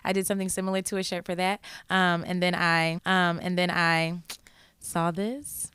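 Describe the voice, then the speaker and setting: Bubbly twenty-something woman, very clear voice. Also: lowish voice, flat delivery, normal speed, a bit bright, no room sound. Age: 20s. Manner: bubbly, chatty, laughs often. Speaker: singer and guest. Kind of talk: casual chat.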